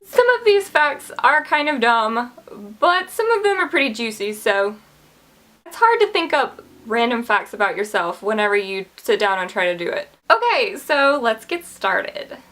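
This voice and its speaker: A woman's voice: on the high side, big pitch swings, normal speed, a bit bright. A woman in her twenties, a book vlogger talking casually to camera in a chatty, candid, self-deprecating way. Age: 20s.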